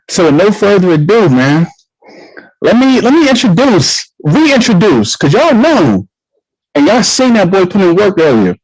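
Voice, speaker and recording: Animated male show host, lively pitch. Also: dry recording, low-quality recording. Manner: animated, repeats words, slangy. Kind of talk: casual hype talk show.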